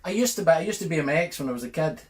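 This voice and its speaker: A Northern Irish man guesting on a podcast, trading dry, self-deprecating jokes. His voice runs a little high for a man, and his delivery is relaxed and conversational. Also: rapid-fire. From Northern Ireland. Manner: dry, self-mocking humour. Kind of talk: casual chat.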